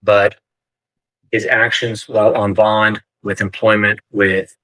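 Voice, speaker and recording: A man arguing formally in court as a defense attorney, measured and deferential to the judge. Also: fairly low pitch, flat delivery, bright, forceful tone, no echo, poor audio.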